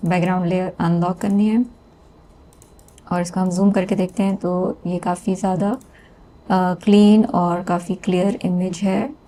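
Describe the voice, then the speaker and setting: A woman calmly explaining a screen-recorded design tutorial step by step, with small hesitations. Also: fairly low pitch, unhurried. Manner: calm step-by-step explaining with fillers. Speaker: textile design instructor.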